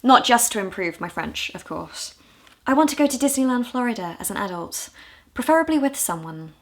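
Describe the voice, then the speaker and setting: A woman from the UK in her twenties, talking candidly and with self-deprecating humor in a casual vlog, her voice a little hoarse. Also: a little high, very animated, fairly quick. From United Kingdom. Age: 20s. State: hoarse, low on voice. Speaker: vlogger.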